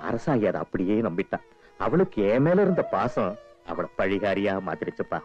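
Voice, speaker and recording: A man's voice: lowish voice, big pitch swings, a little fast, a little mellow. An actor playing a remorseful old village father in a Tamil film melodrama, pleading with a Tamil accent. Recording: dull film audio with music.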